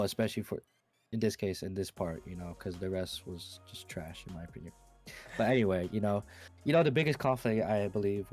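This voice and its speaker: A teenage student hosting a class podcast discussion, relaxed and dropping "you know" often. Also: male voice, fairly low pitch.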